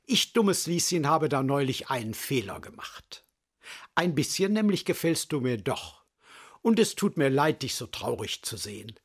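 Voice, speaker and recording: A man voicing a proud, lovesick female yellowhammer in a storybook tale, speaking in a plaintive, sulky way. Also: medium pitch, big pitch swings, moderate pace, breathy edge. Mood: pleading.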